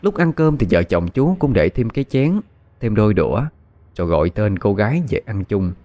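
A man with a Southern Vietnamese accent narrating a ghost story in a calm, measured way. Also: on the low side.

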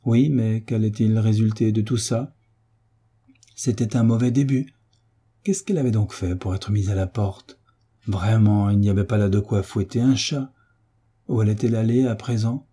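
A man reads a classic novel aloud as an audiobook narrator, raising his voice when the characters speak. His tone is very dark and mellow, a little husky, and sits on the low side. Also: steady tone, normal speed. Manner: lifts his voice for the characters' lines.

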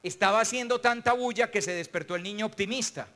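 Brief: older Colombian priest, very high voice, homespun storyteller. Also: male voice, fast talker, bright, forceful tone. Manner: folksy, storytelling, acts out quoted voices. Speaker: priest and speaker. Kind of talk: motivational talk.

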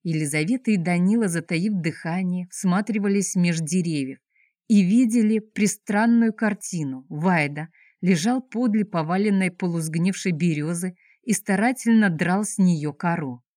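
A woman narrates a novel in a measured, expressive manner. Her voice sits somewhat low, and the recording is dry and close. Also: dry recording. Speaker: audiobook narrator. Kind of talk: scripted narration.

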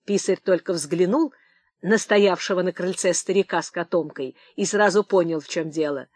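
A woman narrating an audiobook in an expressive manner. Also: on the low side, moderate pace, dry recording. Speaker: reader.

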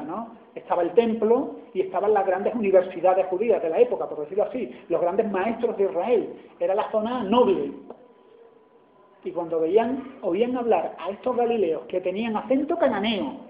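A man's voice: high voice, normal speed. A man from Spain with an Andalusian accent, preaching a sermon in a chatty way and often asking his listeners "¿no?". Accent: Andalusian Spanish. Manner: conversational, asks "¿no?" often. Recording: echoey hall over a tinny line.

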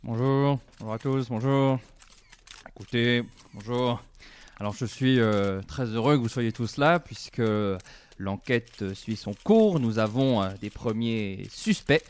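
A pompous judge, put on by a man, fumbles through a statement to the press. He speaks slowly and haltingly, in a lowered voice. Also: clear, resonant tone, natural voice. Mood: flustered. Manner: slow, halting, full of hesitations. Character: hesitant pompous male judge at a press conference.

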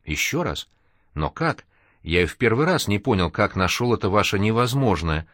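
A man's voice: on the low side, lively intonation, moderate pace, fairly bright tone, no echo, clean studio sound. A man reading an audiobook, voicing a complaining, resentful young male artist. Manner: whiny, complaining.

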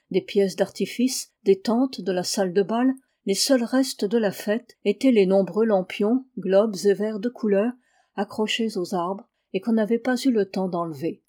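Mellow woman reading a classic novel. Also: medium pitch. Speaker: reader.

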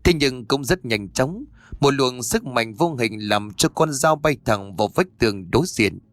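A man narrating a ghost story in a steady, dramatic way on a close mic. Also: mid-range voice, a little slow, no echo. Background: faint music.

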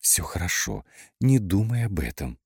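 A man voicing a wry young woman on the phone who speaks softly, like a meditation recording. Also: low voice, sing-song, moderate pace, gravelly, breathy edge, dry recording, studio quality, exaggerated voice. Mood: soothing.

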